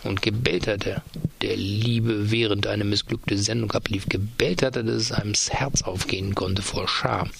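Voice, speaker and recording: A man's voice: on the low side, level tone, normal speed, vocal fry, few pauses, fairly bright tone, a little hiss or hum. A man voicing a fussy woman reading out her indignant, sentimental complaint letter about dogs.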